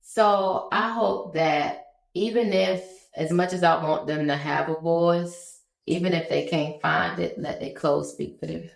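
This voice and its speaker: A woman in her thirties, a business owner telling stories in a relaxed, conversational interview chat. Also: fairly low pitch, measured pace, vocal fry. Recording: echoey room.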